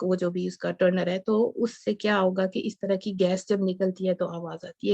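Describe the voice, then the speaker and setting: A woman's voice: mid-range voice, vocal fry, darkish tone, no echo, dull audio. A woman teaching Quran recitation, explaining letter sounds patiently, often checking with her listeners and mixing English words into her talk. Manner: patient, repeats sounds slowly and checks with "okay?". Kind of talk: online tajweed lesson.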